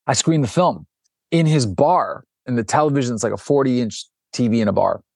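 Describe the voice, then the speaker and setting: A man's voice: mid-range voice, a little fast, creaky, husky, dry recording. Man telling a story in a dry, close room. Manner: animated anecdotes with many restarts and acted quotes. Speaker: documentary director, guest. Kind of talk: conversational storytelling interview.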